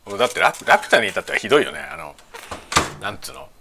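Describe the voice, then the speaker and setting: Chewing bread as he talks, a man in his forties streams, thinking out loud in a loose, rambling way and frequently looking for the listener to agree. His voice is fairly low and gravelly, very fast, with big swings in pitch, and there's background noise.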